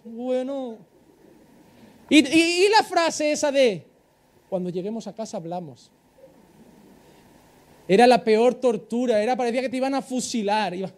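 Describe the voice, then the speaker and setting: Very high-pitched preaching man. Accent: Spain Spanish. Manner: animated preaching, acts out quoted voices. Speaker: pastor. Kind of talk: sermon.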